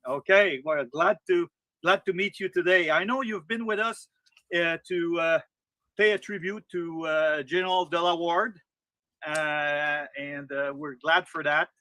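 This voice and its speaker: Bright, high-voiced Quebec French man interviewing. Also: no room sound. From Quebec, Canada. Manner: halting, searching for words in English. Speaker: interviewer, channel host.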